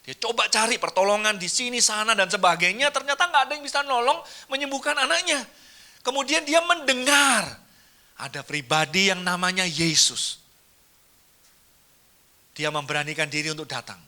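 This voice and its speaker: A male pastor delivering a sermon, telling a Bible story with lively acted-out dialogue and soft, hushed passages. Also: high-pitched, moderate pace. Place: church.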